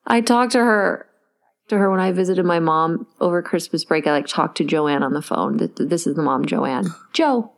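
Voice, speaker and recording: A woman's voice: lowish voice, gravelly. A woman co-hosting a podcast, telling stories in a chatty, easy way and laughing readily. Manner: chatty storyteller, quick to laugh. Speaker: podcast co-host. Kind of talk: casual chat.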